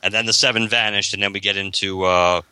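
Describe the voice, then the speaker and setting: A man's voice: lowish voice, steady tone, quick pace, sharp tone, clear, resonant tone, dry recording. A man co-hosting a podcast, explaining at length and reading short passages aloud in casual discussion.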